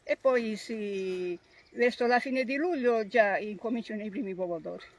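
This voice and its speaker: A woman's voice: medium pitch, moderate pace, low-quality recording. An older woman from Sicily with a Sicilian accent, explaining farm work informally in plain, homespun, repetitive phrases. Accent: Sicilian Italian. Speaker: traditional tomato grower. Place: outdoors on a countryside plot.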